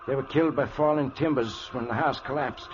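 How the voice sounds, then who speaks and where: A man's voice: mid-range voice, fairly quick, natural voice. A male actor playing a folksy, deferential driver in a 1940s radio drama. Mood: uneasy, sombre. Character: plain-spoken male driver, deferential working man. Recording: dull, noisy old radio recording.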